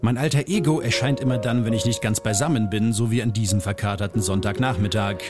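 A man, the show's house poet, reading his own short story in a calm, dry, understated way. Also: fairly low pitch. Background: soft piano music.

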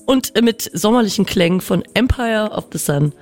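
A man's voice: high-pitched, normal speed, soft background music. A man hosting a radio show, chatting casually and joking with his guest in the studio. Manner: chatty, relaxed, jokes with the guest. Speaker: radio host.

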